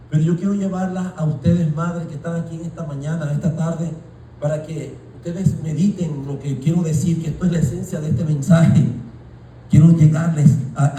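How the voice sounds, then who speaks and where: Man pastor, preaching sermon, mellow dark tone, roomy echo from distance. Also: on the high side. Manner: preaching with rising shouts and colloquial asides. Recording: echoey room, voice from far off.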